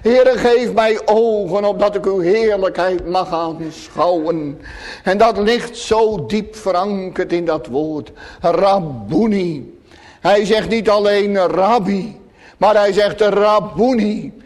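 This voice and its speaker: A man preaching a sermon to his congregation, solemn and emphatic, often dropping to hushed tones. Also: high-pitched, slow pace. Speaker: pastor. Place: church. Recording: long church reverb.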